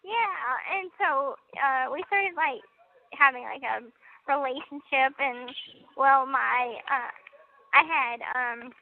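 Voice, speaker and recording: High-voiced young woman chatting over a prison phone, giggly, tinny line. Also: slight background noise. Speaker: inmate on a phone call. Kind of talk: casual phone chat.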